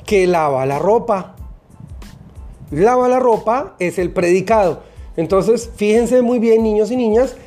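A teacher gives a recorded lesson for children, speaking in a patient, deliberate way and spelling out each step. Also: mid-range voice, expressive, dark tone, faint music behind.

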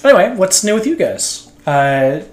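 A man's voice: sits high, big pitch swings, moderate pace. A Canadian man co-hosting a casual podcast with friends, teasing and laughing often. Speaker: podcast co-host. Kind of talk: casual chat.

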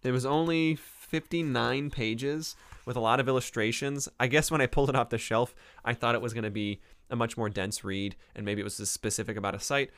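A man's voice: mid-range voice, fairly even intonation, a little fast, few pauses, a bit bright, clear, resonant tone, no echo. A man hosting a casual book review podcast as an anthropology professor, chatty and digressive with frequent ums and uhs, recorded live from his home library.

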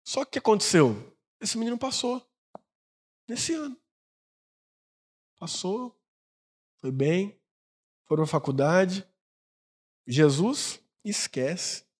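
A man preaches a sermon in a high voice with a husky edge. He tells stories and acts out the voices of the people in them. A long hall reverb lingers after his words. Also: animated, slow, long pauses. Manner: storytelling, acts out quoted dialogue. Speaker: pastor.

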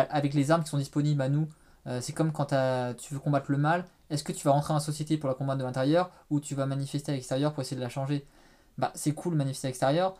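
A man's voice: on the high side, a little mellow. A man with a faded trace of a Quebec accent, chatting casually and rephrasing himself as he goes. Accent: French with a faded Quebec trace. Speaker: interviewer. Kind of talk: casual conversation.

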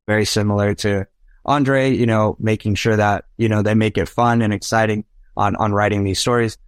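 In a dry recording, a young man whose first language is Spanish speaks in a lowish voice as a podcast guest. He earnestly shares personal anecdotes in casual interview storytelling, often checking in with "right?".

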